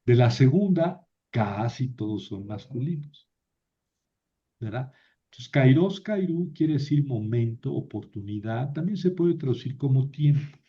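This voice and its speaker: Slow male teacher going over greek grammar, lots of little self-corrections, muffled lo-fi recording. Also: mid-range voice, expressive, dark tone. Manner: halting, repeats and corrects himself, asks "verdad?". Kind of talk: recorded lecture.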